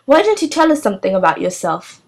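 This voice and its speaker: A woman voicing a kind, jolly middle-aged schoolteacher who speaks in a bright, exclaiming way. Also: medium pitch, big pitch swings, quick pace. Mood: welcoming.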